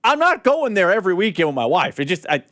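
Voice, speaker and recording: Male radio co-host for casual banter: high, animated, halting and conversational, dry sound. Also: no echo. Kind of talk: casual sports talk banter.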